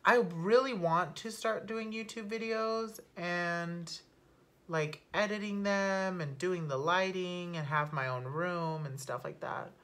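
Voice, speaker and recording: A young woman talking casually through her makeup routine at home, chatty and unfiltered, swearing offhandedly and sometimes dropping to a soft murmur. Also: lowish voice, slow. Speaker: beauty vlogger. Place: at home, not in a studio.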